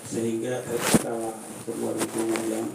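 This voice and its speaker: A man with a Betawi accent preaching a lively, conversational sermon and peppering the listeners with questions. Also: medium pitch, normal speed, creaky. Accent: Betawi Indonesian. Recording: echoey, distant, faintly noisy recording.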